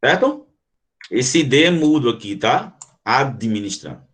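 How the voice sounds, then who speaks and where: A man's voice: a little high, animated, a little slow, fairly bright tone. A Brazilian man teaching an online grammar lesson, explaining step by step and asking the class questions. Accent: Brazilian Portuguese.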